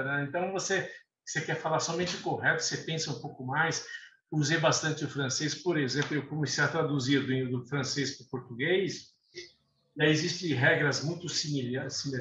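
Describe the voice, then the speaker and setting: Chatty man, bright voice. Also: fairly high pitch, a little hiss or hum. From Lebanon. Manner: chatty, laughs often, self-correcting. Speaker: guest. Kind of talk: casual interview chat. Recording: echoey room, dull lo-fi sound.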